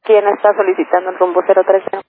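A man working as an approach controller, giving quick, curt commands over a crackly two-way radio. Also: high-pitched, completely flat delivery. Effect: crackly two-way radio transmission. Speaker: air traffic approach controller. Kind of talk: clipped radio phraseology. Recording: narrowband radio channel with faint hiss.

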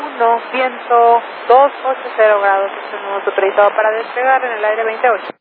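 A man's voice: very high-pitched, steady tone, brisk. A man working as an air traffic controller, giving procedural instructions over aviation radio. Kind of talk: procedural tower radio communication. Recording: tinny, noisy air-band radio.

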